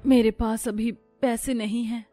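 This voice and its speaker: A poor, anxious cartoon mother, voiced by a man in falsetto pleads in a high, strained voice. Her tone stays worried and humble. Faint background music plays under her lines. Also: level tone, unhurried, mellow. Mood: pleading. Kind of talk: cartoon story voice acting.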